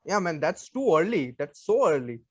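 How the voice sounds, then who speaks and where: A man's voice: a little high, sing-song, moderate pace, darkish tone, slightly rough, dry recording, muffled recording. A man co-hosting a casual race review podcast, easygoing and jokey, often calling the others "man". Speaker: podcast co-host.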